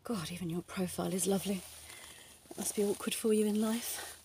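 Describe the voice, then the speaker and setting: A woman playing a flirty, teasing female doctor in a soft ASMR role-play, coy and playfully bossy. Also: mid-range voice, fairly even intonation, a little fast, recorded from a distance, a little hiss or hum, close to an everyday voice. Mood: brisk, playful.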